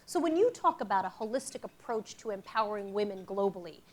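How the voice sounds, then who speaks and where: A woman's voice: mid-range voice, animated, fast. A woman moderating an onstage panel, asking questions in a conversational, self-deprecating way.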